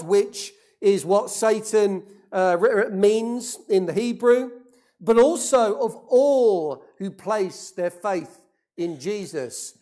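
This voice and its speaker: A preacher delivering a sermon in a deliberate way, repeating key phrases for emphasis and putting rhetorical questions to the congregation. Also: medium pitch, a little mellow.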